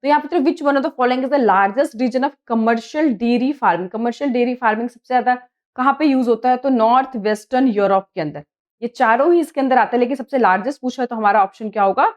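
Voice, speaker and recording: A woman teacher with a Hindi accent, reading quiz questions slowly in English and explaining the answers in Hindi. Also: a little high. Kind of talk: exam prep lesson.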